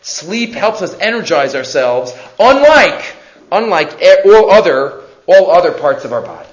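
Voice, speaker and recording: A man with giving an animated religious lesson as a rabbi, emphatic, repeating phrases and answering his own questions. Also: high voice, unhurried. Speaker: rabbi teaching a Torah class. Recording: echoey room, dull muffled sound.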